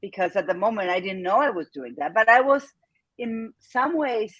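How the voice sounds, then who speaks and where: This Argentine businesswoman in her fifties talks as an interview guest in an Argentine Spanish accent, candid and reflective, with frequent laughter and plenty of fillers. Her mid-range voice is animated and slightly rough, with a fairly bright tone, at a normal speed. The audio is dry and muffled.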